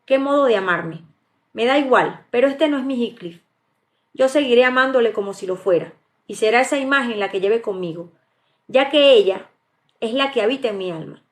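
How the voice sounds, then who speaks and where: A woman's voice: fairly high pitch, lively intonation, moderate pace, close to an everyday voice. A woman reading the part of a feverish, passionate dying young woman in a live audiobook, with stumbles and restarts. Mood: longing. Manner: read aloud plainly, with stumbles and restarts.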